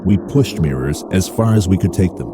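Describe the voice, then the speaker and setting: A man narrating a scripted spoken-word piece in a solemn, deliberate manner. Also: low voice, animated. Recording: noisy background ambience.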